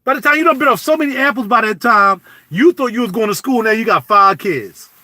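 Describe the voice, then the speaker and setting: A man talks to camera in a casual vlog, preaching in animated street talk with big swings of pitch. His voice sits high and sounds bright and forceful. The recording is dry and close to the mic. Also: fairly quick, no echo. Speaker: YouTube vlogger. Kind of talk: casual spoken commentary.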